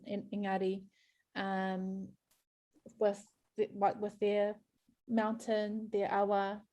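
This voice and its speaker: Slow, flat-voiced woman asking. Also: medium pitch. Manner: slow and hesitant. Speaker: audience member asking a question. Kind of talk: casual question on a video call.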